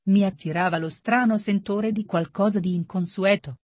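A woman reading a first-person narration at a slow, measured pace. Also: mid-range voice, darkish tone, no echo, studio quality. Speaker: audiobook reader.

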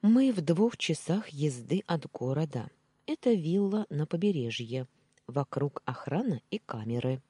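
A timid, careful housemaid, read by a woman speaks politely and hesitantly. The voice is warm and a little husky, with lively rises and falls, like an audiobook reading. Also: low voice, measured pace, no room sound, full character voice. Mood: cautious, gentle. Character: timid, careful female servant, gentle and hesitant.

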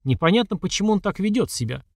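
A man voicing an uneasy, practical young husband who speaks in a measured, hesitant way. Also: high-pitched, expressive, no echo, studio quality, voice pushed up.

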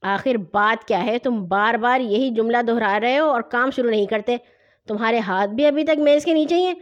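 A woman voicing a strict, bossy elder brother who scolds in rapid-fire questions in a children's story. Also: high voice, lively intonation, muffled recording. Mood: scolding. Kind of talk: storybook reading.

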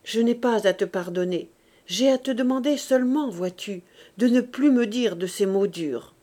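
A woman reading the lines of an aging peasant mother who speaks softly and emotionally. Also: fairly high pitch, moderate pace, lightly acted. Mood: pleading. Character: aging peasant mother, grave, tender, remorseful.

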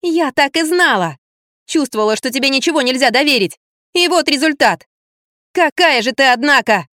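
A woman reading an audiobook, voicing a bratty, sharp-tongued teenage girl in a shrill, indignant voice. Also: sing-song, brisk, no echo, studio quality. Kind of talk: audiobook character voice.

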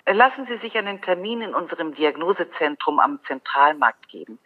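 Detached doctor on thin phone line. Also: male voice, fairly high pitch, animated, fairly quick. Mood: clinical, detached. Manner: matter-of-fact, formal. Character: detached, clinical male medical diagnostician on the phone. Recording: thin, narrow telephone line.

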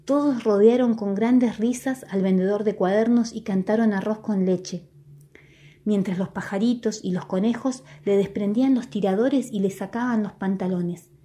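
A woman with a mid-range voice reads a children's story aloud at a moderate pace, lively and expressive.

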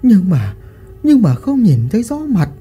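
A woman's voice: fairly high pitch, big pitch swings, a little slow, dark tone, faint music behind, pitched above the performer's own voice. A woman voicing a stammering scared old fisherman. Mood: shaken, whining. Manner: stammering, panicky.

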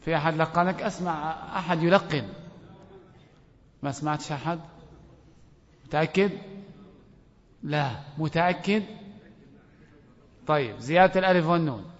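A man with a high voice teaches a grammar lesson, calling on students one by one and quizzing them. He drags out key words when he warns or stresses a point. The recording is muffled and lo-fi, with long reverb from a big hall. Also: moderate pace, pauses often. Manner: questions students directly, stretches words for emphasis. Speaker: sheikh teaching a grammar course. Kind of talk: classroom lesson with oral quizzing. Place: lecture hall.

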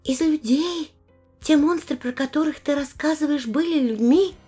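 A woman putting on a trusting little girl from an audiobook, high and childlike. She asks one eager question after another, full of wonder, with faint music under her. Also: moderate pace, mellow, close to an everyday voice. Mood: curious.

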